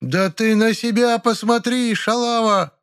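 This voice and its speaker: Guy doing a snippy mocking older lady, voice pushed up high. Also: unhurried, clean tone. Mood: mocking, angry. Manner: mocking, sharp-tongued. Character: mocking older woman, sharp-tongued mother.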